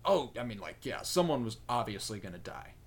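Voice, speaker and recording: A man's voice: medium pitch, big pitch swings, fairly quick. A man co-hosting a podcast in casual chat, recapping and analyzing eagerly and asking questions. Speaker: podcast co-host.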